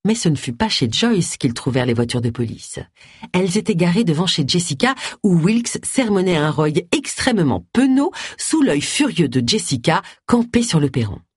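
A woman narrating an audiobook with expressive storytelling. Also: fairly low pitch, normal speed, slightly rough, dry recording, studio quality.

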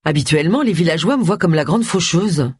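A reader voicing Agatha, a sharp-tongued, complaining middle-aged woman. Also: mid-range voice, expressive, a little fast, slightly rough, dry recording, studio quality. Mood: tart. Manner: tart and complaining.

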